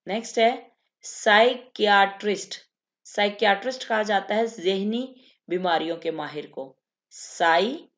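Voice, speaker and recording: A woman teaching English vocabulary, repeating each word and explaining it slowly. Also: mid-range voice, a bit bright, lo-fi sound. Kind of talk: vocabulary lesson.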